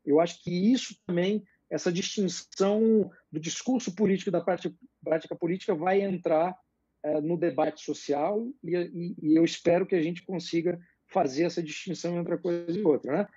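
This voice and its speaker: A man explaining political ideas as a guest in a live interview, measured and hesitant, with many fillers. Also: sits high, steady tone, mellow, breathy edge, dry recording, lo-fi sound.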